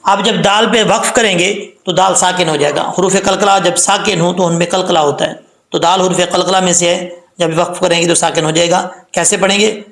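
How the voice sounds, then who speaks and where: A man teaching the rules of Quran recitation, explaining letter sounds and then chanting the verses slowly and drawn out. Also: high voice, steady tone, gravelly, a bit bright, echoey room. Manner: says "ok" and "theek hai" between points. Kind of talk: tajweed lesson with slow chanted recitation.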